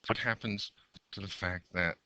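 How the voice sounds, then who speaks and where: A man's voice: low-pitched, fairly even intonation, moderate pace, heavy background noise. A male math teacher who is losing his voice, talking through graph sketches step by step and counting aloud. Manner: talks through each step while drawing, counts aloud.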